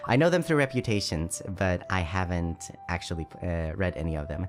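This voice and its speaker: Chatty low-voiced male streamer. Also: a little fast. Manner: chatty, self-deprecating, stumbles over words. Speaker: VTuber streamer. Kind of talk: casual livestream chat, reading donations.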